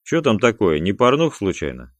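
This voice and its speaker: Man playing a crude big henchman, blunt, grumbling, deep voice, dry close recording. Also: big pitch swings, normal speed, no echo. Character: big, crude, greedy male thug henchman.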